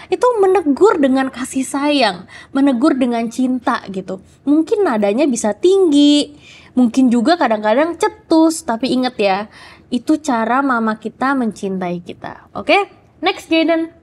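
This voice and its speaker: Woman, adult, host, high voice, casual, coaxing, talking to kids. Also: moderate pace. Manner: lively, coaxing, keeps asking "oke?". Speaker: host answering children's questions. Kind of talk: casual talk to children.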